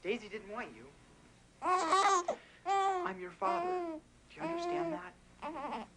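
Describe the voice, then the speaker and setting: A man's voice: very high-pitched, animated, takes it slowly, creaky, exaggerated voice. A teenage actor playing an overwhelmed boy who has become a young father, pleading and near tears, in a 1980s TV drama. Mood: frantic. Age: teens. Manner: pleading, then frantic and near tears with a crying baby. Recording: noisy old TV broadcast audio.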